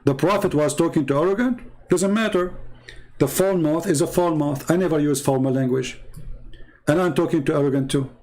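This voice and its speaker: Combative man, higher-pitched voice. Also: normal speed, a little mellow. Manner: combative, mocking, scornful; non-native English grammar. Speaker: online religious debate host. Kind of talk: live-stream debate monologue reading viewer comments.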